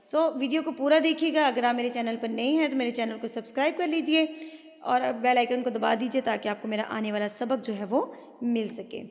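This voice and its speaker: A woman with a high voice teaches Quran recitation in a patient, step-by-step way, slipping English words into her explanations. Her voice carries a long reverb, as if she is recording in a hall. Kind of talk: tajweed lesson, explaining pronunciation.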